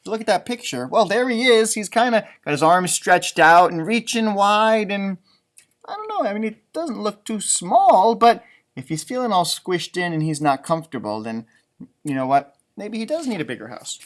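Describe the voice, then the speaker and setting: A teacher with a high-pitched male voice reads a kids' storybook out loud at a normal pace. He wanders into animated, playful side remarks, chatting as he goes.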